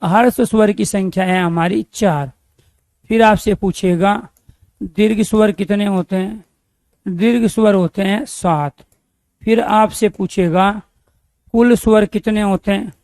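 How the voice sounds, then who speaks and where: A man's voice: high voice, steady tone, measured pace, gravelly, a little mellow, no room sound, studio quality. A man teaching a grammar lesson, asking questions and answering them himself, repeating key terms so they stick.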